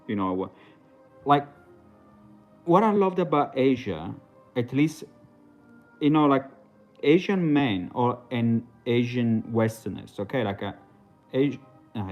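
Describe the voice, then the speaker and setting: A man's voice: medium pitch, highs cut off. A man from Italy, talking casually on a livestream in a hesitant, rambling way full of fillers and restarts. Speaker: livestream host.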